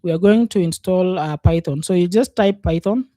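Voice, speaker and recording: Teaching programming over a screen share, this instructor gives a casual lesson, unhurried and full of fillers as he thinks aloud. He has a high voice with a dark tone and moderate pace, in studio-quality audio with no echo.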